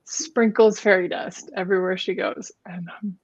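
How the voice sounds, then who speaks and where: A woman hosts a podcast and leads a calm guided opening, then speaks about her guest with open delight. Her voice sounds a little muffled, as if recorded on a cheaper line. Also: medium pitch, moderate pace, breathy edge. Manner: soft and gushing, meditative opening. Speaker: podcast host. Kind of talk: podcast interview.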